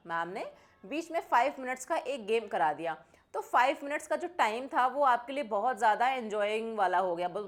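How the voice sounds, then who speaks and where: A woman teaching a children's vocabulary lesson, mixing Hindi explanation with slow, carefully spoken English example sentences. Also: fairly high pitch. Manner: mixes Hindi and English, reads English sentences slowly and deliberately.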